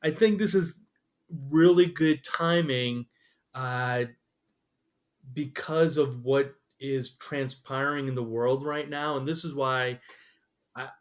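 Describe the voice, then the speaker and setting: A man's voice: medium pitch, steady tone. A man hosting a podcast interview, talking casually with frequent restarts and fillers. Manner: halting, many restarts and fillers. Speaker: podcast host.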